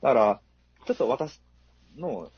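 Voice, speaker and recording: A man's voice: mid-range voice, very animated, unhurried, slightly rough, highs cut off. A man talking casually about a film as a podcast co-host, hesitant and full of fillers.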